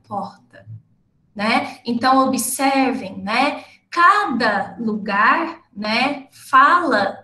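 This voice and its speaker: A woman's voice: on the high side, pushed and bright, roomy sound. A woman from the interior of São Paulo state with a caipira accent, giving an explanatory academic talk and often checking in with her listeners. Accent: caipira, interior São Paulo Portuguese. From interior of São Paulo state, Brazil. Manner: explanatory, frequent tag questions. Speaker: lecturer.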